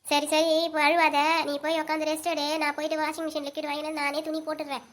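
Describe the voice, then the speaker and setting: Woman doing a high-pitched fast nagging mother-in-law, scolds then fusses, comedy skit. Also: completely flat delivery, close to an everyday voice. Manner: scolding, then fussing over her daughter-in-law. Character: fussy, doting village mother-in-law.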